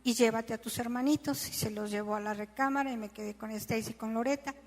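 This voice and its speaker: A middle-aged woman, telling her personal testimony in an emotional, animated way, acting out the dialogue. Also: fairly high pitch, fast talker, long reverb tail. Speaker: church testimony speaker.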